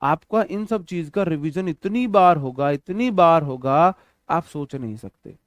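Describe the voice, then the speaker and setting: A young male teacher with a Hindi accent walks students through English grammar for an exam-prep class, calling them brother and repeating each point several times. His voice sits a little high for a man. The recording is dry and close, with no room echo. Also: measured pace. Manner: repetitive, addresses students as brother, asks them questions. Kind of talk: online exam-prep lesson.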